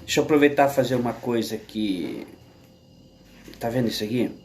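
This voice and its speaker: A man with a Brazilian Portuguese accent, vlogging to camera in a casual monologue, rambling with many restarts and tag questions at an unhurried pace. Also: mid-range voice, expressive, darkish tone, a little hiss or hum.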